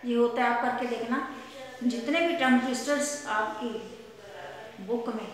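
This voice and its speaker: A woman teacher explaining a practical lesson, repeating points patiently and reading English tongue twisters slowly and deliberately. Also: fairly high pitch, fairly even intonation. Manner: repetitive and explanatory, mixing Hindi with English phrases. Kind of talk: recorded classroom lesson. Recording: very echoey hall.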